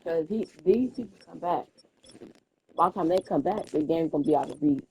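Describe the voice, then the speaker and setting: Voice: medium pitch, expressive, brisk, darkish tone, a little hiss or hum, rough recording. A young adult gaming creator talking loosely over a football video game. The voice rambles, repeats itself, and stumbles through sentences in casual slang. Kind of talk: casual gameplay commentary.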